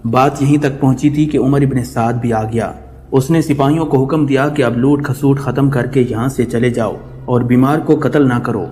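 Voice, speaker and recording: A man's voice: mid-range voice, steady tone, dark tone, big-room sound, soft background music. A man telling a mournful religious story in solemn, scripted narration.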